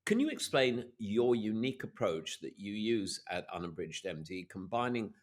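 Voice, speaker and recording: A middle-aged man hosts a podcast interview in a low voice that swings widely in pitch. He talks in a chatty way, with friendly asides and little jokes. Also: very animated, moderate pace. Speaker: podcast host.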